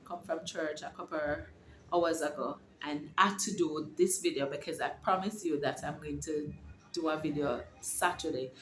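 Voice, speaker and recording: This is a home vlog by a middle-aged Jamaican woman whose voice sits low and moves at a moderate pace. Her faith-filled talk is relaxed, uplifting and somewhat sermonizing, full of rambling and false starts. Faint ambience and echo fill the room.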